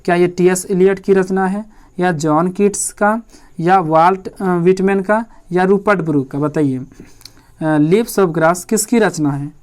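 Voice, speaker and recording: A man teaching an exam-prep lesson in Hindi. He repeats each point, asks his own questions and answers them, and reads the English lines slowly, word by word. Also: sits high, a little mellow.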